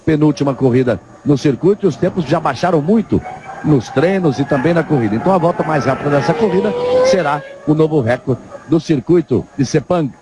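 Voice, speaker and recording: A man's voice: a little high, lively intonation, fairly quick. A man with a Brazilian accent giving live television commentary as a motorsport commentator, calling a race. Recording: loud engine noise behind commentary.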